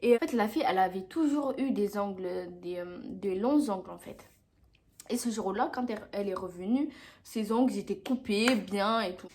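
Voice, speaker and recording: A woman's voice: mid-range voice, normal speed. A young woman telling a dramatic story to camera in a casual storytime vlog, acting out what people said. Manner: animated, dramatic retelling with acted-out quotes. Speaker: vlogger.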